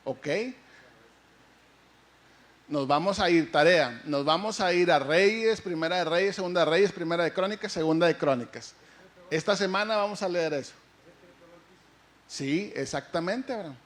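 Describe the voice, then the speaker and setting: A male pastor preaching a lively sermon, asking the congregation questions and acting out the story. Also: high voice, normal speed, pauses often.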